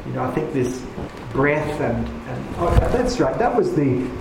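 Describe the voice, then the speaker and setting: A man's voice: medium pitch, big pitch swings, measured pace, creaky. A man leading a poetry class, talking with enthusiasm and many restarts as he rambles. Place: room with paintings, a group seated. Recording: echoey room with background noise.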